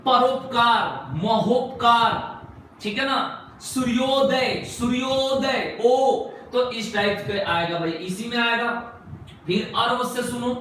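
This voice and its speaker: Guy teacher w a really high voice, far off the mic in a super echoey classroom, keeps quizzing then answering himself. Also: unhurried, fairly bright tone, slight background noise. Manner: repeats quiz questions and answers them himself; stretches out single sounds while spelling words. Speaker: Hindi grammar teacher. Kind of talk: classroom lecture.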